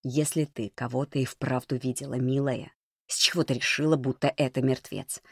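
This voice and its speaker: A man reading a storybook plays a cold, mocking young man who speaks in a low, measured way. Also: flat delivery, gravelly, fairly bright tone, breathy edge, no room sound, studio quality.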